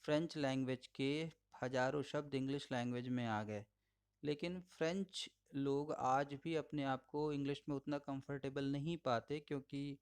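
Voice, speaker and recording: A man giving a recorded audio lecture, explaining patiently, addressing listeners as friends and slowing down to model words. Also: mid-range voice, fairly even intonation, clean tone. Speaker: English teacher.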